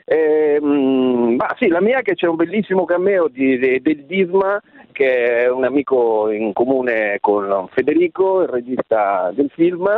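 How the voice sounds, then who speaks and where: Creaky male caller on a tinny phone. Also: mid-range voice, very animated, a little slow, dry recording. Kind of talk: casual chat. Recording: tinny narrow phone line.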